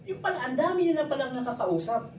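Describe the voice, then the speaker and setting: A man's voice: very high-pitched, lively intonation, fast talker. A man with a Filipino accent giving a business opportunity presentation, telling stories in a chatty way and joking often. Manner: chatty storytelling, jokes and laughs often. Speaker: network marketing presenter. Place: presentation room. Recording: echoey room, distant mic, background noise.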